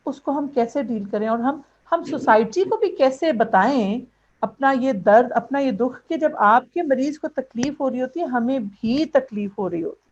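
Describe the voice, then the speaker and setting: A woman's voice: sits high, expressive, darkish tone, slight background noise. A woman doctor hosting an interview, asking earnest questions and mixing English into her talk. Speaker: host and doctor. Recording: dull lo-fi sound.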